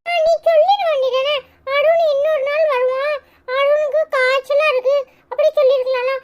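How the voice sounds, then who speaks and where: A woman's voice: very high voice, fairly even intonation, moderate pace, dull audio. A woman voicing a kind older brother, a young boy, in a Tirunelveli Tamil accent. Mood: caring. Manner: kindly, big-brotherly. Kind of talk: cartoon comedy voice acting.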